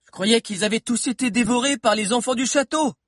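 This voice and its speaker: A man voicing a young girl from a tribe who speaks in a high, wondering child's voice. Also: a little fast, fairly bright tone, dry recording, clean studio sound. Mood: disbelieving.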